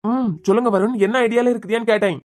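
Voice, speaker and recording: A woman's voice: on the high side, fairly even intonation, racing, darkish tone, close to an everyday voice. A woman with a Kanyakumari Tamil accent voicing a stern young male doctor who scolds and interrogates in a cartoon. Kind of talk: cartoon voice acting.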